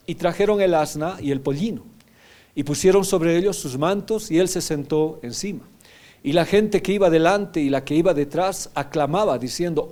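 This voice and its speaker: Pastor preaching in a mellow voice. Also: male voice, on the high side. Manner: teaching, often checking in with "¿ya?". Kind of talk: sermon.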